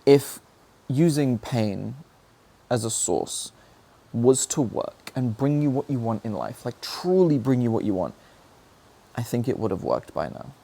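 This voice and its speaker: At a measured pace, a young adult man speaks in a sing-song, medium-pitched voice that's mellow, with vocal fry and a breathy edge. The clip is a reflective motivational monologue: personal reflections on his struggles, earnest and searching, full of self-directed questions.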